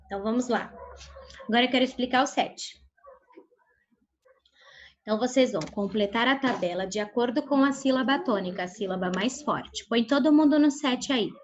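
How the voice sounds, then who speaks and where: Over a dull, lo-fi video call, a woman with a Brazilian Portuguese accent and a fairly high voice teaches a primary school class online. She is patient, checks in with the class often, and drags syllables out slowly when modeling words.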